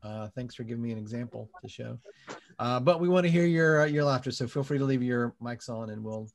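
A man hosting a live online comedy show, speaking in a relaxed way with many fillers, over a video call. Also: medium pitch, brisk, creaky, a little hiss or hum. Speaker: host.

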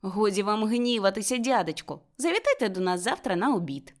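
A woman voicing a cheerful, warm-hearted young man who talks eagerly and excitedly in a storybook. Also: medium pitch, a little fast, lightly acted. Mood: pleading.

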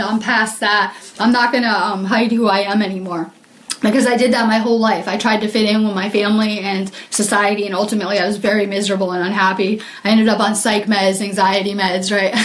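A woman's voice: a little high, roomy sound, slight background noise. A woman healer talking casually to viewers on a live video, earnest and rambling with many ums and frequent laughs.

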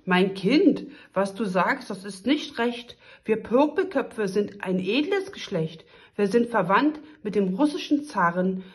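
A woman reading aloud puts on a pompous old storybook king. He lectures in a lofty, blustering way, loud and raised. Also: medium pitch, expressive, a little slow, few pauses, close to an everyday voice.

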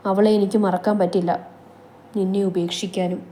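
A woman reading the lines of a troubled young man torn between two women, in a low, weary, soothing way. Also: level tone, fairly quick, mellow, natural voice. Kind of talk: storybook reading.

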